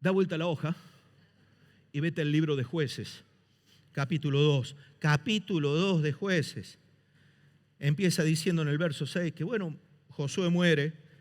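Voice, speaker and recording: High, bright-voiced preacher in an echoing hall. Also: male voice, measured pace, pauses often. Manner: impassioned preaching, mimics excuses and quotes scripture. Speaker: pastor. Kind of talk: sermon. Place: church sanctuary. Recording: reverberant church hall.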